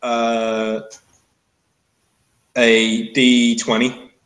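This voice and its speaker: A man acts as game master in a casual tabletop session. His delivery is halting and wry, with a middling pitch. The recording is roomy and echoing. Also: completely flat delivery, a bit bright.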